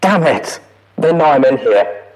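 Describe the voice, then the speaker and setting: Brief: man doing panicked young mare, loud and strained, muffled lo-fi log recording, low voice. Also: steady tone, normal speed, lightly acted. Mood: desperate. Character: terrified trapped young mare in an audio log.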